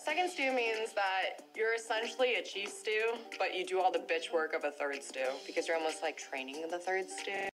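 A woman in a reality show confessional, sassy and expressive. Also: lowish voice, normal speed, few pauses, over music. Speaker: yacht stewardess.

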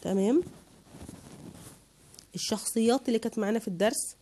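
A woman's voice: on the high side, brisk, warm tone. A woman with an Egyptian accent teaching a children's lesson online, patiently breaking words into syllables for her pupils. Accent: Egyptian Arabic.

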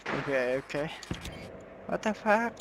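A man doing casual gameplay commentary, laughing and swearing as he reacts fast, with loud game gunfire behind him. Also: very noisy. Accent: Thai. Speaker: gaming streamer.

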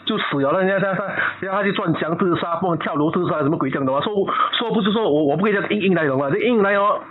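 A man's voice: high voice, racing. A man with a Malaysian accent rambling over the phone about his wife, often losing his thread and restarting. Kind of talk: casual phone chat. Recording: tinny phone line with crowd noise.

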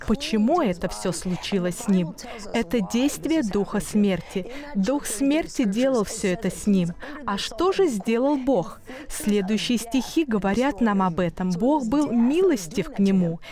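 Higher-voiced woman telling a faith story. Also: expressive, unhurried, warm tone. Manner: earnest, storytelling voice-over. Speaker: guest minister.

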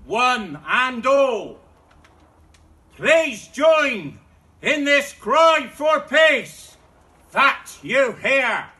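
High, ringing British man's town crier proclamation. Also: sharp tone. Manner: slow, declamatory, calling out in short measured phrases. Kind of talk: town crier's cry, loud ceremonial proclamation. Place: outdoors in a paved back garden. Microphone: phone or camera several metres away.

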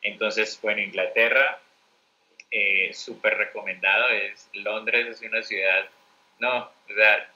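Colombian man, interview guest, chatty and rambling, sharp bright tone, low-pitched; fine for travel-story talk. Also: steady tone, takes it slowly, poor audio. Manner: rambling, many fillers and restarts. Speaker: interview guest, mentor teacher.

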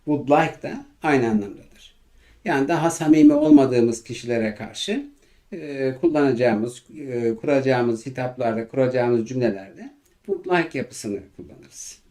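Lively-voiced patient English teacher. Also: mid-range voice. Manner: patient, repeats each example slowly; hesitant fillers between phrases. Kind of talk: grammar lesson narration.

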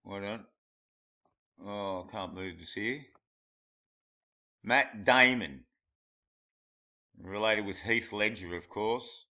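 A man's voice: lowish voice, takes it slowly, long pauses, bright, forceful tone. A man mocking pictures in a rambling, crude commentary, laughing at his own jokes. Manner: crude and blunt. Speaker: conspiracy video commentator. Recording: dull lo-fi home recording.

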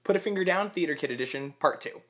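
Fast, bright-voiced man telling a story. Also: fairly high pitch, expressive, soft background music. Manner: rambling, run-on anecdote. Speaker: theater kid telling a stage story. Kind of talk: casual storytelling to camera.

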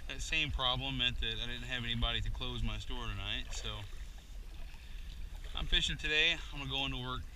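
A man's voice: medium pitch, fairly quick, pushed and bright, slight background noise. A man chatting in a rambling, self-deprecating way as he paddles a kayak outdoors, recorded on a boat-mounted action camera. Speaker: kayak angler vlogger. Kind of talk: casual narration while paddling.

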